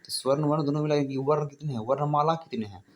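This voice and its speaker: A man's voice: fairly high pitch, quick pace, a little hiss or hum. A man teaching Hindi grammar in a casual classroom style, repeating points and asking and answering his own questions. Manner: casual, addresses listeners as brother. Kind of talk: informal classroom-style explanation.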